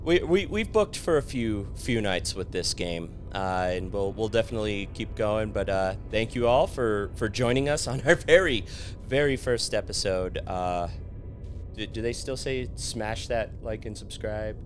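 Goofy, lively-voiced gamer man. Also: on the low side, unhurried, slight background noise. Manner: goofy, laughs at his own jokes. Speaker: co-host playing a game. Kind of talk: casual gaming chat.

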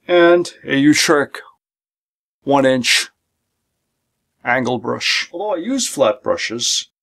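A middle-aged man, an art instructor, calmly and methodically walks through his painting supplies, listing them one by one. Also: medium pitch, takes it slowly, vocal fry. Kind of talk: instructional demonstration. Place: home art studio, indoors.

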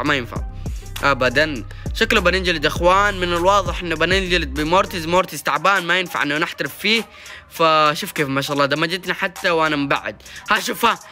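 A young man giving excitable, sing-song commentary while playing a mobile game, cheering and groaning as he goes. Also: a little high. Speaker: gaming YouTuber. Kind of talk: gameplay commentary.

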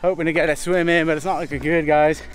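A man's voice: on the high side, level tone, fast, faint music behind. A man in his thirties vlogging casually to a handheld camera outdoors on a hot canyon hike, upbeat and joking. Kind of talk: casual vlog narration. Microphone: handheld action camera at arm's length.

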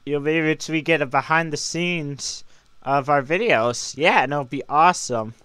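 A man's voice: on the high side, normal speed, pushed and bright, clean tone, no echo. A young adult man hosting a casual update chat for a gaming video channel.

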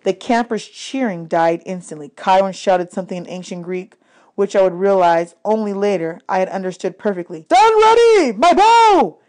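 Here a woman's fairly low voice moves at a moderate pace through a children's adventure story. She narrates it in scripted first person, bringing an audiobook narrator's expressiveness.

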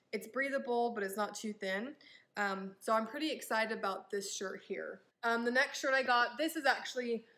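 A woman's voice: mid-range voice, fairly bright tone. A young woman chatting casually in a try-on haul vlog, upbeat and rambling with frequent ums. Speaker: vlogger.

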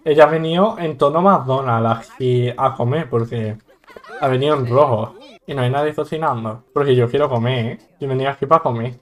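A man's voice: medium pitch, fairly quick. Joking Spanish man playing a game. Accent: Spain Spanish. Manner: joking, exclamatory, laughs often. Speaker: gaming YouTuber. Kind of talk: let's play commentary.

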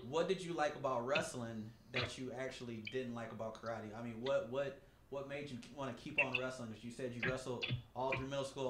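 Upbeat man hosting a podcast. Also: mid-range voice. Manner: upbeat, repeats himself, many fillers. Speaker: podcast host. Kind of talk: casual interview. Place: small home studio. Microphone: desk mic on a stand. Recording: echoey room with clear background noise.

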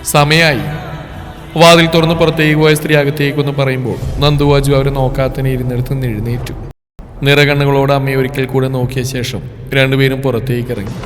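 A man narrating a scripted story in a slow, soft, tender way. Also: mid-range voice, level tone. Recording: long reverb with faint music.

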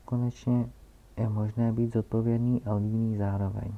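A man reading aloud and voicing a gentle, curious little prince who asks questions softly, captured on a dull, lo-fi recording. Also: lowish voice, little pitch movement, natural voice.

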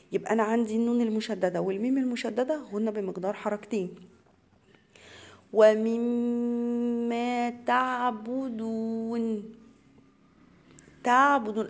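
Mellow Egyptian woman teaching Quran recitation. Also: medium pitch. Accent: Egyptian Arabic. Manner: explains rules briskly, then recites words slowly and drawn out. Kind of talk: tajweed lesson for beginners.

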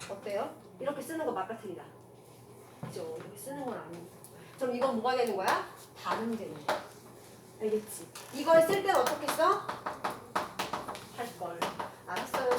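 Woman teacher, classroom lecture, echoey room, noisy recording, brisk rhetorical questions. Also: on the high side, big pitch swings, recorded from a distance. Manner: quizzes students with quick rhetorical questions; switches between casual and polite speech. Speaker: Korean language teacher.

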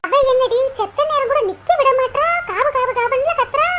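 A grumbling older village woman from a cartoon, voiced by a performer, her voice pitched extremely high. She complains and gossips about the others. Loud clicks run behind her. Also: lively intonation, moderate pace, noisy background.

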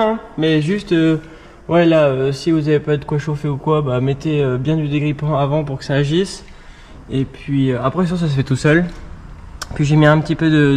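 A man's voice: fairly high pitch, darkish tone, slight background noise. A man casually explaining a car repair to his viewers, chatty and full of fillers, talking outdoors while it rains. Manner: chatty, filler-heavy, addresses viewers directly. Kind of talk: casual how-to vlog talk.

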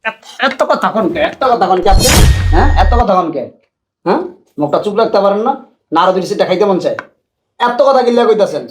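A brash young husband spits out insults in quick, raised tirades, played by a man. His voice sits rather high and races along. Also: expressive, slight background noise. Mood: angry. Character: young husband, rude and hot-tempered. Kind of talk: Bangladeshi short drama acting.

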